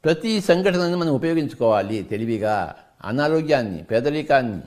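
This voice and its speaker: A man's voice: mid-range voice, sing-song, normal speed, darkish tone. A man with a Telugu accent giving a spiritual discourse as a meditation teacher, preaching emphatically and firing off rhetorical questions.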